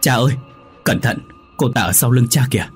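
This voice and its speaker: A man's voice: medium pitch, fairly quick, faint music behind, pitched above the performer's own voice, lightly acted. A man voicing a grieving, desperate young man who cries out and sobs over his dying father. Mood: alarmed. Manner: sobbing, crying out. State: crying.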